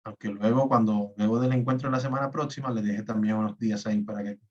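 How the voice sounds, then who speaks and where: A man's voice: on the low side, steady tone, quick pace. Man teaching, distant dull audio. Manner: patient, step-by-step explaining. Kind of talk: online class lecture on spreadsheets.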